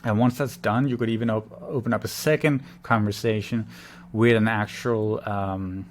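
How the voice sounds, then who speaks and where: A man with a lowish, steady voice at normal speed gives an unscripted screen-share critique. He is a conversion-rate marketing consultant, and his take is blunt and opinionated.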